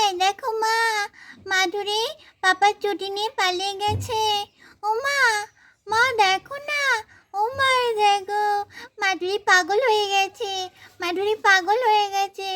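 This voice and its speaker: A woman's voice: very high voice, fairly even intonation, fast, hardly any pauses. A woman voicing a small girl who wails and cries for her mother. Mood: crying. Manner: wailing, shouting for her mother. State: crying. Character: small girl, frightened and crying.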